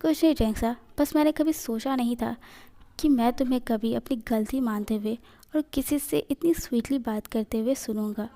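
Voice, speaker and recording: A woman's voice: a little high, normal speed, dark tone, lightly acted. A woman voicing a playful, pouting young man who teases and chats, in a storybook reading.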